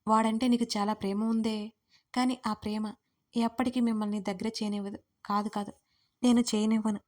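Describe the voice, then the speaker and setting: A man's voice: level tone, normal speed, natural voice. A woman voicing a controlling, menacing young man. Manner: low and commanding, quietly threatening.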